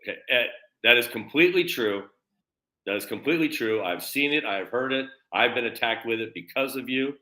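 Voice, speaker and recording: A middle-aged man talks with a bright, sharp edge, earnest and emphatic. His voice comes through a video call that keeps freezing and cutting out. The room around him sounds roomy and echoey. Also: medium pitch, animated, fairly quick. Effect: frozen, choppy video call audio. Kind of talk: casual interview conversation.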